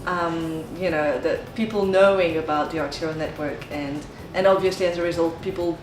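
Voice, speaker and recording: A woman's voice: low-pitched, fairly even intonation, moderate pace. A woman speaking informally in an interview as a project manager. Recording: echoey room, clear background noise.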